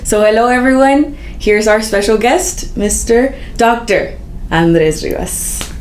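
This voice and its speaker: A woman hosting a casual interview podcast, friendly and quick with small backchannels. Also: a little high, darkish tone, slight background noise. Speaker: podcast host. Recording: roomy echo.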